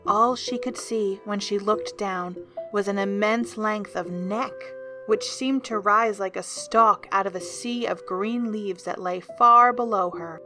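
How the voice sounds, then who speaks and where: A woman reading scripted storybook narration for an audio drama, as an expressive storyteller. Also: mid-range voice, unhurried. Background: music.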